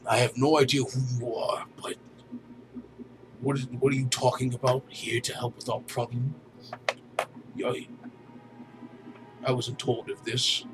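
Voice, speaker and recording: A man voicing a weary male alien mine overseer who speaks haltingly, with many pauses and restarts. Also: medium pitch, level tone, close to an everyday voice, poor audio. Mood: guarded. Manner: hesitant, halting, full of pauses. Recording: music playing behind.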